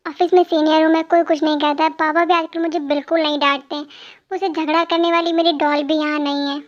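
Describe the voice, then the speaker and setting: A woman's voice: high-pitched, level tone, fast talker, highs cut off, lightly acted. A woman voicing a playful, apologetic young husband who is a police officer, in an amateur fan dub. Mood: coaxing. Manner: coaxing, playful pleading.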